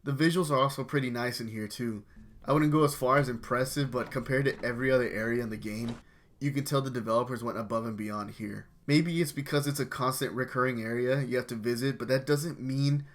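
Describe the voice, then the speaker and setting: A man's voice: medium pitch, brisk. A young man giving a dry, dismissive game review in a scripted narration.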